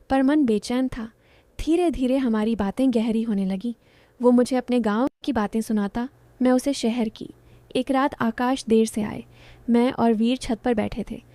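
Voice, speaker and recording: A young woman narrating an emotional first-person story in a soft, heartfelt, confiding way. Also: on the high side, no echo.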